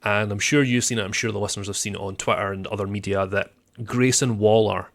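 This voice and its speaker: A man's voice: fairly low pitch, fairly even intonation, fast talker, a bit bright. A man co-hosting a podcast, chatting casually in a rambling way, with many fillers and restarts. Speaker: podcast co-host.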